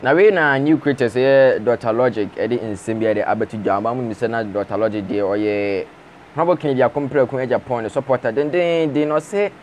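A young man presents the news in a steady spoken commentary, with frequent fillers, recorded on an earphone mic in a small room. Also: medium pitch, a little fast, a little hiss or hum. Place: small indoor room with patterned wallpaper. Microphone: wired earphone mic, webcam framing.

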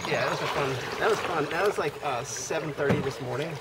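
A man in casual chat, telling an animated story full of "like" while out on a river. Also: fairly high pitch, fast, heavy background noise. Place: outdoors on a river.

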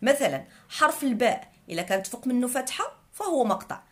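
Moroccan woman teaching with a lively voice. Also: a little high. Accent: Moroccan Arabic. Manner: patient, spells out sounds slowly and repeats words. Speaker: Arabic teacher. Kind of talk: explaining a lesson.

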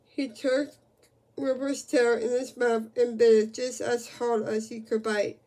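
A woman's voice: a little high, little pitch movement, unhurried, dark tone. A woman reading a children's book aloud, with frequent slips and restarts.

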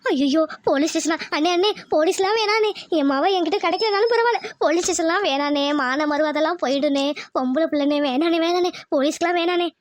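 A woman's voice: very high-pitched, fast, hardly any pauses, no echo. A woman voicing a scheming village mother in a cartoon, who wails and repeats her laments. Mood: pleading. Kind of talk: cartoon voice acting.

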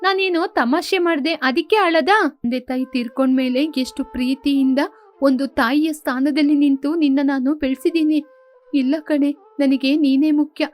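A woman voicing a gentle young bride who lovingly scolds her younger sister, in a storybook tale. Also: sits high, steady tone, moderate pace, natural voice. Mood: tearful.

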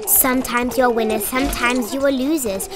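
A woman's voice: high-pitched, normal speed, lightly acted. A woman reading a storybook, voicing a pompous male army general who bellows and barks orders. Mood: blustering. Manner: barking orders, blustering. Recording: steady background noise.

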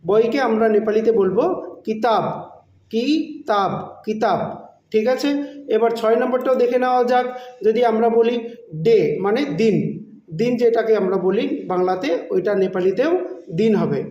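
A man teaching a spoken language lesson, slowly repeating each word several times for learners. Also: sits high, fairly even intonation, dark tone. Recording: echoey room, dull lo-fi sound.

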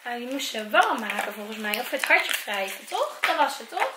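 A mother chatting softly and cooingly with her young children at home for a family vlog. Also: a little high, big pitch swings, normal speed, background noise. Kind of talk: casual family vlog chat.

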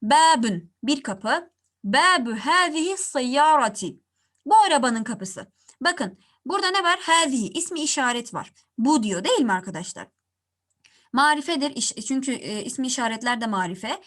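A woman's voice: high voice, expressive, a bit bright. Woman teaching a grammar lesson. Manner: explanatory, asks the class questions and answers them herself; slows down to pronounce example words with care.

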